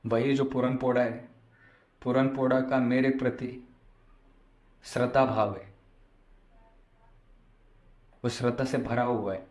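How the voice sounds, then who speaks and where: A man's voice: mid-range voice, steady tone, unhurried, darkish tone. A man giving a devotional discourse as a spiritual storyteller, explaining and repeating phrases for emphasis. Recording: echoey room sound.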